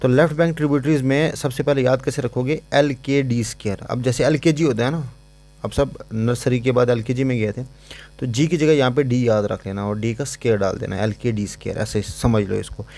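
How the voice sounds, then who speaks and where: A man's voice: medium pitch, fairly even intonation, a little fast, a little mellow. A man teaching an exam-prep lecture in a casual, chatty way, repeating points and giving memory codes.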